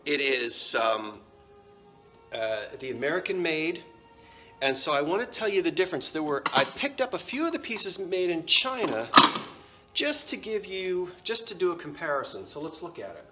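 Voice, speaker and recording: An antiques seller with a New Jersey accent shows off antique dishes in a casual show-and-tell vlog, talking chattily and correcting himself. His voice is fairly high and sing-song at a normal speed, heard over music.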